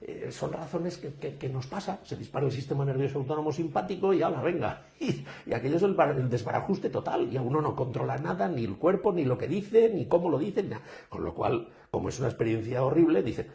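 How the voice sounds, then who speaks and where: Man, speaking coach, lively storyteller, dark gravelly voice, video call. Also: mid-range voice, quick pace, hardly any pauses. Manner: animated storyteller, acts out quoted students. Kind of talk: interview answers.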